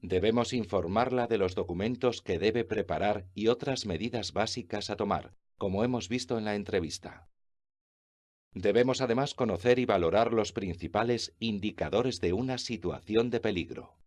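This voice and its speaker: A man reading informational text aloud in an even, list-like way. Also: on the low side, normal speed.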